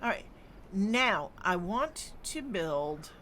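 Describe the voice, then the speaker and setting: Woman streamer, slow unhurried delivery, mid-pitched, musing aloud over gameplay with hums and ums. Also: sing-song, fairly bright tone, slight background noise. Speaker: game streamer. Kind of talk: live gameplay commentary.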